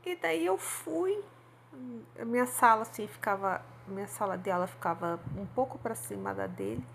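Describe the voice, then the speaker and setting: An adult woman shares a painful personal memory with her viewers, speaking in a heartfelt, rambling way. Her voice has a gravelly, creaky texture, and she keeps checking in with little tag questions. A faint hiss sits behind her. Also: mid-range voice, sing-song, moderate pace. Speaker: storyteller on her own channel. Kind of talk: confessional personal storytelling.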